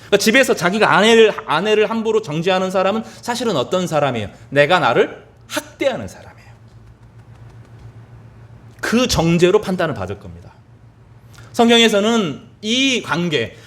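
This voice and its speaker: A male pastor giving a sermon, asking the congregation questions and answering them himself, repeating words for emphasis. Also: high voice.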